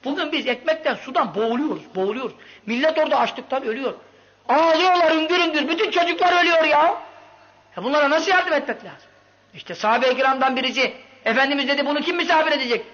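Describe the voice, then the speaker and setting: A man preaching a sermon with impassioned storytelling, swinging from loud outbursts to hushed lines. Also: very high voice, fast talker. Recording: dull lo-fi recording.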